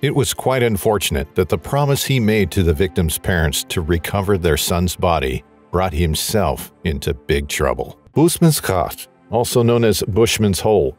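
A man with a low, deep voice reads a scripted documentary narration. His delivery is even and measured, with no dramatics. Faint music plays quietly beneath the voice-over.

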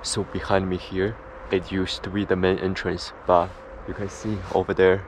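Deep-voiced man vlogging among ruins. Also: flat delivery, moderate pace, slight background noise, rough recording. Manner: chatty, explaining on the move. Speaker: travel vlogger. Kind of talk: travel vlog narration.

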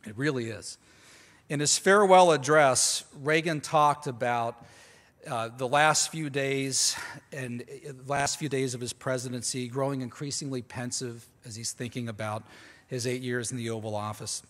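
A man's voice: mid-range voice, moderate pace, fairly bright tone. A man giving a conference lecture, speaking emphatically, repeating words as he restarts and turning to the audience with asides. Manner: talks directly to the audience with asides. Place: large conference hall. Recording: long hall reverb.

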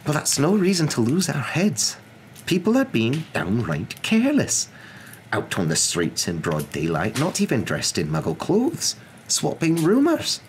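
A man's voice: fairly low pitch, big pitch swings, moderate pace, voice pushed up. A man voicing a stern, irritable older witch professor in a storybook reading, with a clipped, exasperated manner. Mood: indignant. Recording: clear background noise.

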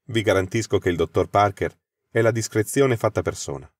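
A sharp, self-assured detective figure, read by a man in a low voice, dealing out crisp, incisive deductions. The audiobook is recorded dry and close, with no room sound around him. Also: fairly quick, dry recording, close to an everyday voice.

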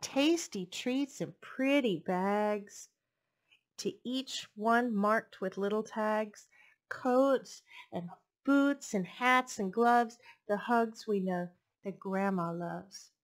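In this indoor living-room recording, a thirty-something librarian gives children an expressive picture-book reading in a playful sing-song rhythm, using a headset mic. She speaks at medium pitch and a slow pace.

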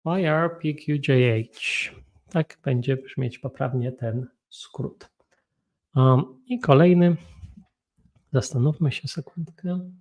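A Polish man with a Polish accent teaching an English grammar lesson, talking slowly and thinking aloud while feeling unwell. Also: medium pitch, darkish tone. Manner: slow, thinking aloud with frequent hums. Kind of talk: solo grammar and pronunciation lesson.

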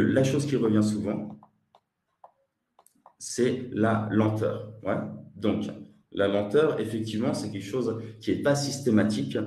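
A man's voice: fairly low pitch, a little mellow, echoey room, recorded from a distance. A man from Switzerland with a Swiss French accent, teaching an online webinar lesson, hesitant and repeating his words as he answers the chat.

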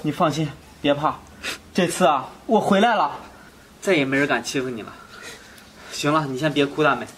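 A man's voice: on the high side, moderate pace, long pauses, a bit bright, slight background noise, lightly acted. A man playing an earnest young husband. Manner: pleading then reproachful, repeats questions. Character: earnest young husband, protective of his wife. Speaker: husband returning from work away.

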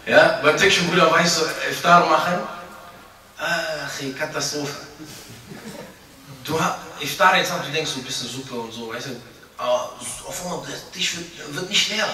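A man's voice: a little high, moderate pace, bright, forceful tone. A young man giving an informal, chatty sermon, joking and acting out little scenes as he preaches. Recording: echoey room, voice from a distance.

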